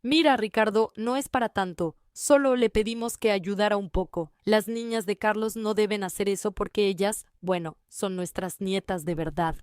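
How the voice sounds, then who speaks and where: A woman's voice: mid-range voice, steady tone, moderate pace, hardly any pauses, darkish tone, clear, resonant tone, dry recording, studio quality, natural voice. A woman voicing a blunt, stubborn grandfather in a narrated story. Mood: curt. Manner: blunt and curt.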